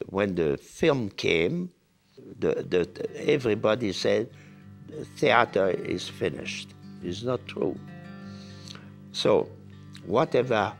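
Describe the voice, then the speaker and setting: A man in an interview giving measured, halting thoughts. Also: on the low side, creaky. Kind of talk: interview reflection.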